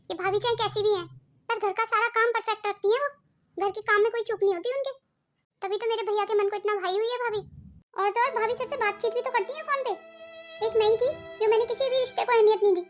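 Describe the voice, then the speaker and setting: Shrill, high cartoon family women. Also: female voice. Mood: plaintive. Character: young Hindi family women, sister-in-law and daughter-in-law, emotional. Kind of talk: cartoon family drama voice-over.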